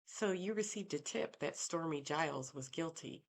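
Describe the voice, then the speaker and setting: A woman's voice: low-pitched, normal speed. A woman playing a guarded female detective. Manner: careful and guarded. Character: cautious, measured female private investigator.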